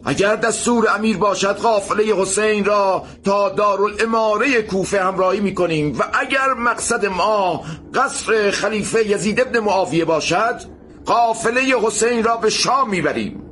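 Man doing an army boss giving orders, high commanding voice, little noise under it. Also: fairly bright tone. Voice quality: authoritative, commanding delivery. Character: commanding male army leader, firm and calculating. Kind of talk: audio drama acting.

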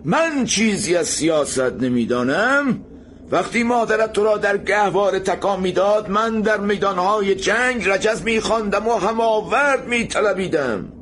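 A man's voice: high voice, expressive, fairly bright tone, slight background noise. An actor playing a defiant old male warrior who declaims in a stern, raised voice. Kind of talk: audio drama acting.

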